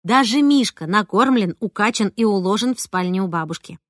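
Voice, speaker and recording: A woman narrating a first-person audiobook in a lively, conversational way. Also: mid-range voice, brisk, no echo, studio quality. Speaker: audiobook reader.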